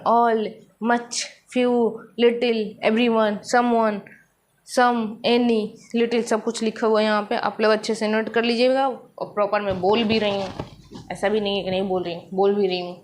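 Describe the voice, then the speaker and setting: Woman, grammar teacher, very unhurried delivery, checks in with students often. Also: mid-range voice. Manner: explains in Hindi, reads English examples slowly, keeps asking if students follow. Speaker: English teacher. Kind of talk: classroom grammar lesson.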